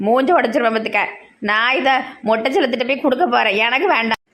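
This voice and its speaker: A woman doing a quick-talking modest village woman. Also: a little high, a bit bright, natural voice. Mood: snappy. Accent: Tirunelveli Tamil. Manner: modest, pleading, and snappy when pressed. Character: humble modest young village woman, refuses money.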